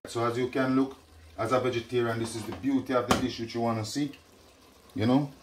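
A man's voice: mid-range voice, fairly even intonation, a little fast. A middle-aged man hosts a casual cooking demonstration in a small home kitchen, talking chattily and checking in with "yeah?" and "you know what I mean?". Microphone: camera mic at a distance. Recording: echoey kitchen, distant camera mic, noisy.

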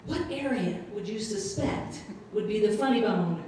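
A middle-aged woman performs a playful, self-mocking stand-up set with a handheld mic on a stage in a large room, chatting with a live audience. Her mellow, medium-pitched voice is expressive and moves at normal speed. The recording sounds roomy and distant, with audience laughter and slight background noise.

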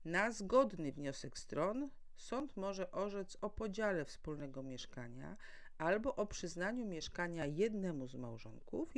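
A woman's low, creaky voice carries a formal, didactic explanation aimed at listeners. She is a legal adviser and mediator, and she habitually asks questions only to answer them herself.

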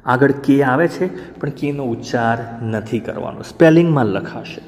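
A man teaching an English lesson to beginners, spelling words out slowly letter by letter and often asking his learners how to say them. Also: medium pitch, animated, a little mellow, in a large hall. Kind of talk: spoken language lesson.

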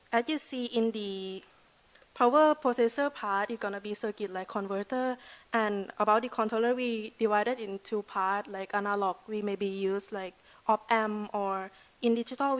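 Thai-accented young woman presenting at a podium. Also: fairly high pitch. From Thailand. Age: 20s. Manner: earnest, loose grammar, frequent "like" fillers. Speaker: exchange student presenter. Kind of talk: prepared presentation speech. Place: lecture hall at a podium. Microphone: podium microphone.

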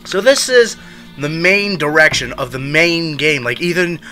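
A male streamer giving excitable let's play commentary with loud reactions and swearing. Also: on the high side, a little slow, faint music behind. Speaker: gaming streamer.

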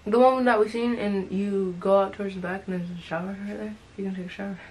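A woman's voice: mid-range voice, steady tone, fast, darkish tone. Whiny woman chatting while eating. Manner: protesting, whiny, laughs at herself. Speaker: vlog co-host. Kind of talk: casual chat while eating.

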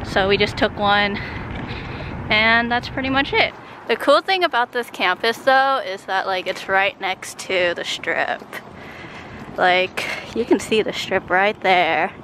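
A woman's voice: medium pitch, measured pace, background noise. A woman in her twenties, a nursing student, chatting casually to camera in a vlog, full of "like" and "um". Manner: chatty, filler-heavy, uses "like" a lot.

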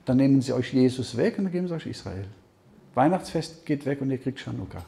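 A man giving a conversational Bible seminar talk, often checking in with the audience with a quick "ja?". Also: medium pitch, lively intonation, gravelly, dark tone. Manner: conversational, keeps asking "ja?". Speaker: Bible teacher. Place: seminar hall with audience questions.

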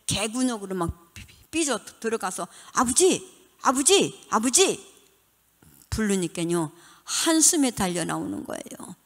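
Older woman, church testimony, lively swooping pitch, long reverb of a church hall. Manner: animated storytelling, dramatic retelling of childhood. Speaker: church deaconess giving testimony.

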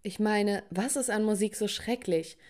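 A young woman tells her own story from a script in a lively, dramatic voice. Her pitch sits in a middle register, and her narration leans hard into each feeling. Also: moderate pace.

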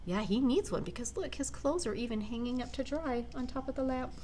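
In a big indoor living room, a middle-aged American woman reads a kids' storybook with expression, tossing in chatty remarks to young listeners. Her voice is fairly high, expressive, and a bit darkish in tone, moving fairly quickly. The recording carries clear background room noise.

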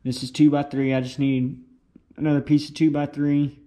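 Here a young man narrates his farm work in a casual, first-person workshop vlog, moving between outdoors on the farm and inside a workshop. He rambles in a relaxed manner while working, his voice a little high at normal speed, with no room sound.

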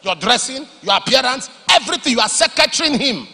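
A man preaching a sermon, moving between loud emphatic declarations and low, confiding storytelling. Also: animated, fast, creaky, slightly rough. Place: large church hall. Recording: long hall reverb.

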